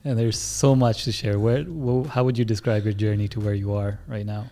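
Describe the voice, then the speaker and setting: A man's voice: lowish voice, fairly even intonation, moderate pace, warm tone. A man hosting a podcast, asking curious and encouraging questions in a casual interview. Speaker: podcast host.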